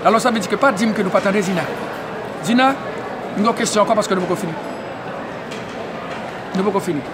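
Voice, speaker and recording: A man who interviews at an event, excitable and tagging nearly every phrase with "hein?". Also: sits high, fast talker. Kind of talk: casual community media interview. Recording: noisy crowded public event. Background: crowd chatter.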